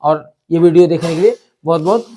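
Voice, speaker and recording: A man's voice: on the high side, brisk, warm tone. A man teaching a chemistry lesson, repeating key terms and asking and answering his own questions. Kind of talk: classroom lesson explanation.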